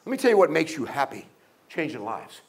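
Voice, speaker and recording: A man's voice: fairly high pitch, sing-song, brisk, vocal fry. An older man speaking as a guest at a motivational event, telling humorous stories, asking the audience questions and acting out voices. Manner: humorous storytelling with jokes and acted-out voices; asks the audience rhetorical questions.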